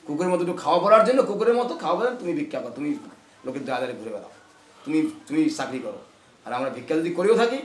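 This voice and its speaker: A man with a Bengali accent delivers a lively, emphatic sermon, again and again asking his listeners whether they follow. His voice sits somewhat high for a man. The hall around him is echoey. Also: distant mic. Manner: lively, laughs through parts of his talk. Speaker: guru giving a religious talk. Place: temple hall.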